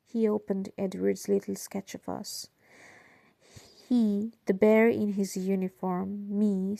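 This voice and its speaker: A woman narrating a novel in the first person, measured and steady. Her voice is dark and gravelly with some fry, and she reads slowly into a close, dry mic. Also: mid-range voice, dry recording. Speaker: audiobook reader.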